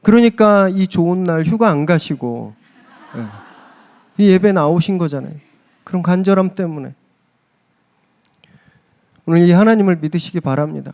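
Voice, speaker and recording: High-voiced man preaching a sermon. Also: expressive, moderate pace, pauses often, darkish tone. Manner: emphatic preaching, pitch climbing on key phrases. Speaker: pastor. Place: church service.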